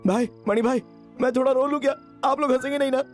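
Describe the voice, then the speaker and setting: Young male beggar, drunk and grieving, rambling and tearful, very high pitch, faint music under him. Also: fairly even intonation, quick pace. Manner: pleading, then tearful and rambling when drunk. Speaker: dubbing actor voicing a young man. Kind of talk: Hindi film dub.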